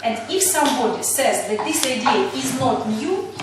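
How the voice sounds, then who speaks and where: A woman with a Russian accent leads a group exercise as teacher, explaining the rules haltingly and searching for words in English. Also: on the high side, animated. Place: echoey room with a group. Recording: distant, very echoey, noisy room recording.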